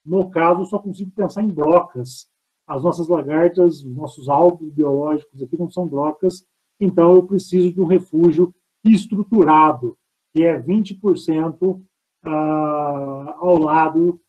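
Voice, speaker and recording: A man's voice: fairly high pitch, unhurried, a little mellow, poor audio. A Brazilian man, a professor, explaining step by step in an online lecture, heard through a thin headset mic on a video call. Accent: Brazilian Portuguese. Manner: explains step by step, asks himself rhetorical questions. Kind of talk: online lecture answering audience questions.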